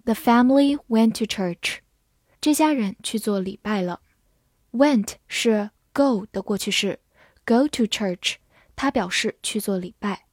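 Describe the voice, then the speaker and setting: A woman whose first language is Chinese teaches English vocabulary in a scripted lesson, spelling each word letter by letter and reading the example sentences slowly. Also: medium pitch, dry recording, studio quality.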